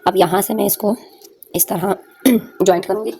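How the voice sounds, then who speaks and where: A woman's voice: medium pitch, steady tone, moderate pace, vocal fry, dark tone, a little hiss or hum. A woman hosting a sewing tutorial at home, patiently explaining each step as she works. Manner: patient, explains while working, often says "theek hai" and "ye dekhein". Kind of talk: step-by-step craft demonstration.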